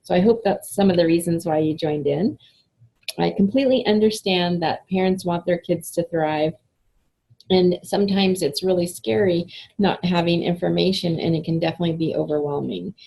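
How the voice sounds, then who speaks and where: A middle-aged woman talking in a casual, upbeat way, as if leading an online class. Her voice is a little low, with a gravelly, husky edge and a warm, mellow tone. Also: normal speed, rough recording. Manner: chatty, enthusiastic, frequent fillers and laughs. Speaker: essential oils presenter.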